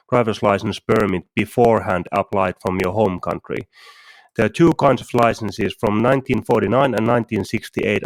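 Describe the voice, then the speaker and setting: A man speaks in a played-back voicemail, his low voice gravelly and rough at the edges. He explains things in a plain, matter-of-fact way, stopping now and then to restart a word, and the recording sounds dry and close. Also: no echo. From Finland. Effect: played voicemail message. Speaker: listener calling in. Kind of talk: informal voice message.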